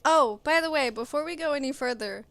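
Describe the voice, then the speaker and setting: A woman's voice: sits high, a little fast, a bit bright. A woman co-hosting a gaming stream, chatting in bubbly asides and theories. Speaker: co-host playing the game. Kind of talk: casual gaming chat.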